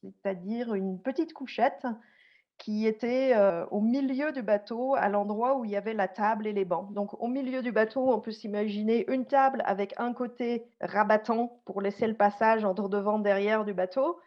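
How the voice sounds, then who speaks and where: A Swiss-born woman telling her life story as a podcast guest, pausing often with fillers and restarts. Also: medium pitch, dull audio. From Switzerland. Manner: hesitant, many fillers and restarts. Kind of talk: conversational interview storytelling.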